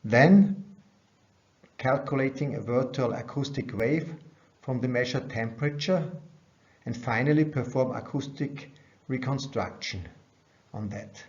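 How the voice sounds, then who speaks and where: Speaking at a measured pace with long pauses, a middle-aged man gives a science talk over slides at a conference. He has a mid-range voice and a dull delivery, captured through dull, band-limited webcam audio.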